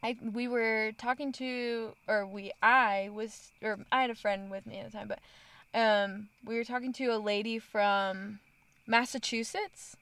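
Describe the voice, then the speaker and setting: A woman from Utah with a local accent chats casually and tells stories in a chipper, bubbly manner, laughing often and animated throughout. Her voice sits on the high side at a measured pace, with a clean tone and a dry recording.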